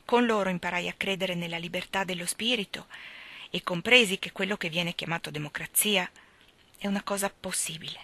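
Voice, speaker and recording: A woman reading a novel aloud in a soft, at times whispered narration. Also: on the low side, fairly quick. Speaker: reader.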